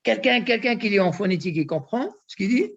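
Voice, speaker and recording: A man's voice: high voice, animated, fairly quick, vocal fry, slightly rough, lo-fi sound. A man in a religious class who asks questions and murmurs agreement. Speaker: student.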